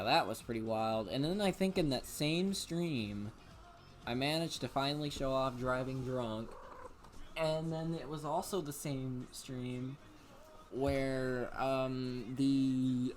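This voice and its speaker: A young man rambling casually over gameplay, full of fillers and restarts. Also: medium pitch. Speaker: let's play commentator.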